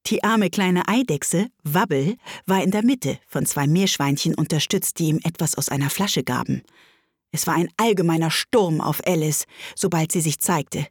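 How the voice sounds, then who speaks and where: A woman narrating a storybook with an expressive, lively reading. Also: deep voice, moderate pace, husky, no echo, clean studio sound.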